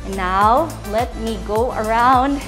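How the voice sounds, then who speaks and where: A woman's voice: a little high, slow, loud music behind the voice. A young woman from the Philippines hosting a real estate house tour, walking through rooms and talking upbeat and salesy to her viewers. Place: large empty townhouse interior, indoors. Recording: roomy echo from bare rooms.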